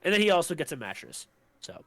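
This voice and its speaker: A young man co-hosting a podcast, recapping a show in a loose, rambling way, swearing a lot and filling pauses. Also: a little high, sing-song, pushed and bright, no echo. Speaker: podcast co-host. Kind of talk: casual recap chat.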